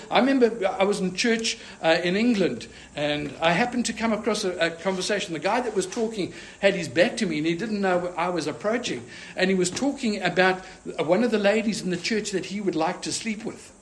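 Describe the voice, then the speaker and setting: A man's voice: high voice, fairly quick, few pauses, slight background noise. A man preaching a sermon as pastor, earnest and often restarting with fillers.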